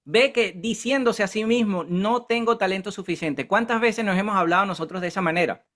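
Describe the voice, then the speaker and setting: Bible study leader, high-pitched man, chatty and engaging, often checks in with listeners. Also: a little fast, fairly bright tone. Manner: conversational, keeps asking the group "¿verdad?".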